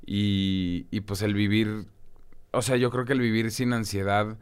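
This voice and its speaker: A man's voice: fairly low pitch, flat delivery, a little slow, clear, resonant tone. A young Mexican man, a podcast guest, talking candidly and casually in a rambling, slangy storytelling way. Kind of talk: casual conversational interview.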